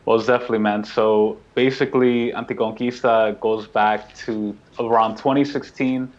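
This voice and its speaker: A man around thirty from New York, talking as a guest in a casual interview, earnest and quick as he explains. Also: lowish voice, steady tone, lo-fi sound. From New York, United States. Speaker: guest, co-founder of a media collective.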